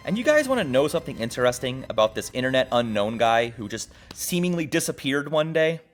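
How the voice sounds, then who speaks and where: A medium-pitched man, very animated and fairly quick, narrates a video essay as its host. The tone is casual and wry with exclamations and a little swearing, set against background music.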